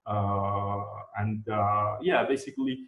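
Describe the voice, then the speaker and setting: Man from Algeria, activist guest, halting, filler-heavy, roomy echo, dull muffled audio. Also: on the low side, fairly even intonation. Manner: halting, many fillers and repeated words. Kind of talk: live online interview. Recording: echoey, dull lo-fi remote audio.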